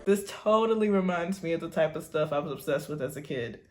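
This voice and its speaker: A woman's voice: low-pitched, animated, a little fast, faint music behind. A woman with an American accent giving colloquial, casual reaction commentary as she talks back to the screen. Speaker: reaction show host.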